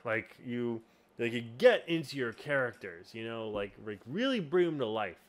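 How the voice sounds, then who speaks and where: A man's voice: mid-range voice, sing-song, normal speed. A man hosting a casual tutorial as a game master, talking in a rambling way with lots of restarts. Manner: rambling, full of fillers and restarts. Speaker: game master and channel host.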